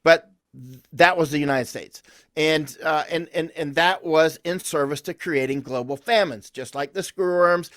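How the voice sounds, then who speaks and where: A man's voice: fairly high pitch, moderate pace, a bit bright, no echo, clean studio sound. A man speaking as a podcast guest, telling rambling, anecdotal stories with restarts and confident, emphatic declarations. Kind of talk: conversational interview storytelling.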